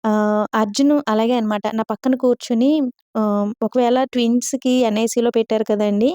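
A woman in her thirties with a Telugu accent talks in a confiding, earnest way, telling her own story for a vlog. Her voice sits a little high and sounds mellow and warm. The recording is dry and close. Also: steady tone, normal speed, no room sound. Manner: earnest, confiding, frequent polite "andi". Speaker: vlogger.

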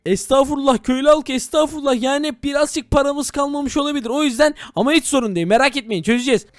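A man's voice: very high-pitched, quick pace, dry recording, studio quality. A man hosting a game role-play video, talking dramatically to viewers and exclaiming as a village head.

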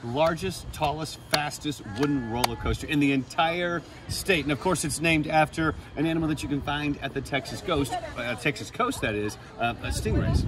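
A man from a theme park giving friendly, informative answers in an interview. His voice sits slightly high and a bit off the mic. A loud outdoor crowd fills the background. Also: a little slow, hardly any pauses, far from the mic. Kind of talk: casual on-location interview.

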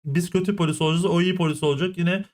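A man on a voice call with friends, talking in a relaxed, low-key way and mostly agreeing. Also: rapid-fire. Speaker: streamer friend. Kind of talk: casual chat on voice call.

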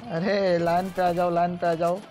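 A man's voice: sits high, level tone, moderate pace, over music. A man streaming a shooter game in casual, chatty commentary, pleading with players and asking viewers to like and subscribe. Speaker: gameplay streamer. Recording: noisy gunfire from the game behind.

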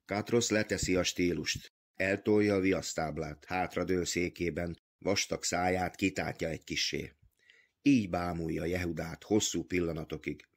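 A man reading a literary novel aloud as an audiobook, with measured, even storytelling. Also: deep voice. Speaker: audiobook reader.

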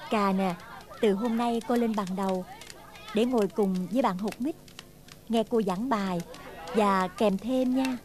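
An actress playing a kind, patient schoolteacher, gently coaxing her pupils in a film drama. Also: medium pitch, a little slow, pauses often, natural voice. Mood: gentle. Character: kind young village schoolteacher, patient and caring.

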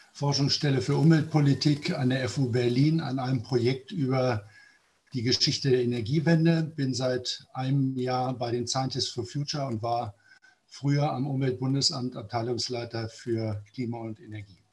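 A man's voice: mid-range voice, steady tone, moderate pace, darkish tone. An older man, a researcher, briefly introducing himself on a video call in a plain way. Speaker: researcher, co-moderator. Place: office. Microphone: video call webcam.

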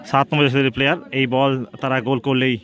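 A man's voice: medium pitch, flat delivery, fast, a bit bright, muffled recording. A man gives live football commentary outdoors at a local ground. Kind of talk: live sports commentary of a penalty shootout. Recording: outdoor recording with crowd noise. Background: crowd.

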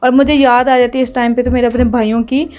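A woman's voice: a little high, flat delivery, fast, darkish tone. A woman in her thirties chatting casually as a home vlogger, laughing often as she talks. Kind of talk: casual vlog narration.

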